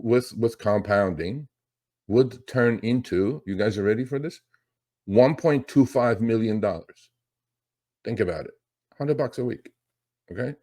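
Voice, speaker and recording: Middle-aged male finance host, very low-pitched, loose rambling delivery full of fillers. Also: darkish tone. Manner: rambling, lots of fillers and restarts. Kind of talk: casual market commentary.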